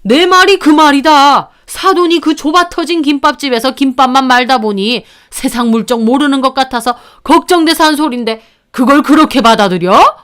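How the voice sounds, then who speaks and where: Stern, contemptuous father-in-law read by a woman in a high voice for a narrated story, indignant. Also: normal speed, few pauses, a bit bright. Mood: scolding.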